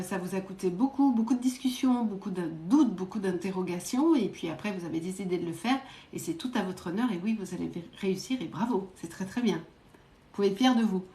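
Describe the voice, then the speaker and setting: A woman psychic medium giving quick readings to viewers during a live stream, direct and coaxing, often adding little verbal tags. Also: mid-range voice, echoey room. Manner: brisk, direct, coaxing, peppered with "hein" and "euh".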